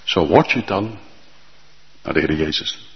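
A male pastor preaching a sermon with fervent emphasis and drawn-out, emphatic lists. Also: low voice, expressive, long reverb tail, lo-fi sound.

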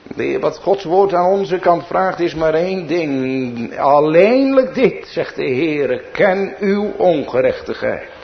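A man's voice: fairly high pitch, expressive, slow pace, vocal fry, dull audio. A man with a Dutch accent preaching a sermon as pastor, building to emphatic peaks.

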